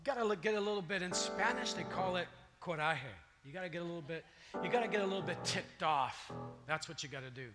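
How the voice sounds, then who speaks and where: Male pastor in full sermon mode, high-pitched, lots of church reverb. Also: quick pace. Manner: preaching, builds to declarations. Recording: long church reverb, faint music.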